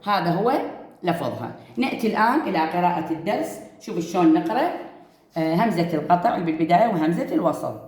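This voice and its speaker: In an echoey room, a woman teacher with an Iraqi Arabic accent records a reading lesson for first graders. Her voice is fairly low, expressive and a little mellow. She reads words slowly, syllable by syllable, drawing them out and repeating each one.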